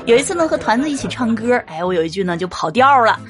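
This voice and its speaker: A woman's voice: fairly high pitch, sing-song, brisk. Amused mother telling funny stories. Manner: amused, often laughing between jokes. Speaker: mother telling family anecdotes. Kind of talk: humorous storytelling monologue.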